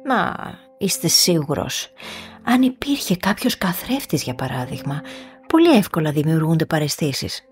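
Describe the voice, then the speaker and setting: A woman reading the lines of a fussy, easily flustered gentleman in an audiobook story. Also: sits low, big pitch swings, soft background music.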